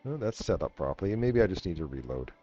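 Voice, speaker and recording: A man running a tabletop game online as game master, matter-of-fact and talking through the software as he goes. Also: sits low, very animated, fast, muffled recording, soft background music.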